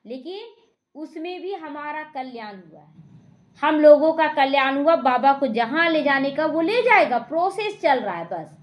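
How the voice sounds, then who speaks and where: A woman gives a spiritual talk with a high voice. She tells a personal story and acts out the lines of the people in it. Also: expressive, unhurried. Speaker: spiritual teacher.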